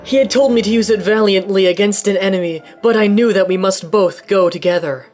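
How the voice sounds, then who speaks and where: A woman with a medium-pitched voice performs a comedic dramatic reading of a first-person fanfic, deadpan and mock-dramatic, mispronouncing words on purpose. Soft music plays in the background.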